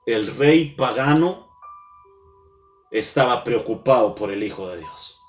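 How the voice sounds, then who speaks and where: A man preaching a sermon as pastor, speaking straight to the congregation, slowing down and pausing for emphasis. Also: mid-range voice, expressive. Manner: dramatic pauses, slows for emphasis, addresses the congregation directly. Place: church. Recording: echoey room with soft music behind.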